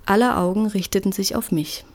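A woman's voice: medium pitch, fairly even intonation, a little mellow. Woman narrating a story. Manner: measured storytelling reading. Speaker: audiobook narrator. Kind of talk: scripted narration.

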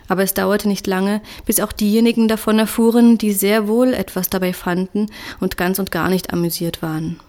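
Woman narrator reading a novel aloud, steady storytelling delivery. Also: medium pitch, normal speed, hardly any pauses. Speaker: audiobook narrator. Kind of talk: scripted narration.

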